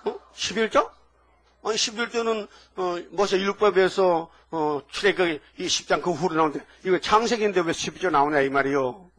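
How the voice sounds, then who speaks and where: A male pastor preaching in a high, bright register with a husky grain to his voice. He talks emphatically and colloquially, firing rhetorical questions at the congregation. He mixes stories and laughter into the sermon. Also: normal speed. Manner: emphatic, keeps prodding the audience with rhetorical "eh?".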